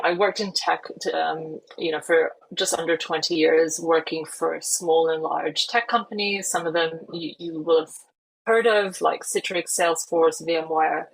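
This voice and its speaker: Her low, gravelly voice comes through poor audio with slight background noise. She's a Singaporean life and career coach in her forties, a podcast guest whose international English accent is hard to pin down, speaking earnestly with lots of fillers and false starts.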